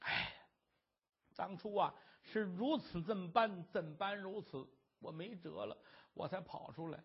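A storyteller voicing a starving, remorseful beggar who is the elder brother, wailing and blaming himself, on a dull lo-fi recording. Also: male voice, high voice, measured pace, slightly rough, heavily acted. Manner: wailing, self-reproaching.

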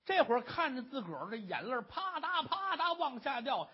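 Man storyteller, dramatic narration, lo-fi recording, husky. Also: very high-pitched, big pitch swings, a little fast. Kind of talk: traditional storytelling performance. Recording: dull lo-fi recording.

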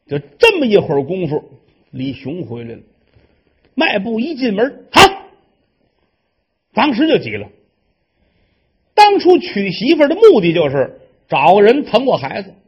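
A man telling a traditional story, animated and acting out the characters' voices, on a dull lo-fi recording. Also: high voice, breathy edge.

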